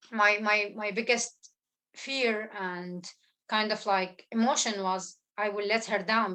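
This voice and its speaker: Earnest woman, halting speech. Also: mid-range voice, bright, forceful tone, low-quality recording. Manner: halting, many fillers and restarts, intense. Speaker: guest speaker, filmmaker. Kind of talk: earnest testimony at an online symposium. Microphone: video call.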